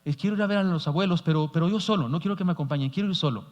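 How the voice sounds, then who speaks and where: A man's voice: a little high, racing, a little mellow, pitched above the performer's own voice, natural voice. A man voicing a proud ten-year-old boy who eagerly insists he is grown up. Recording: dull sound, long church reverb.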